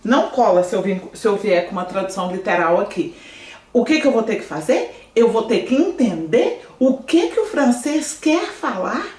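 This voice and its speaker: Speaking at normal speed with a mid-range voice, a French teacher from Brazil leads an online language lesson before a screen in a room. She's lively, regularly checking in with her students through questions. The recording is distant, in an echoey room.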